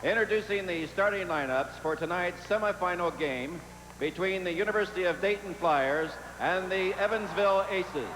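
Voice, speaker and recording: A man working as an arena public address announcer, formally introducing lineups in a deliberate, measured delivery with drawn-out names. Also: sits high. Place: large indoor sports arena, over public address. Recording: echoey arena PA with loud noise.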